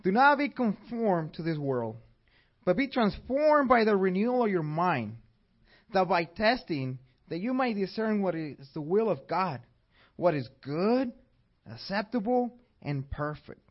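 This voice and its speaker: In an unhurried, sing-song delivery, a high-pitched Mexican man teaches church and keeps asking his listeners questions with bright energy. The accent is Mexican Spanish, and the recording quality is dull and lo-fi.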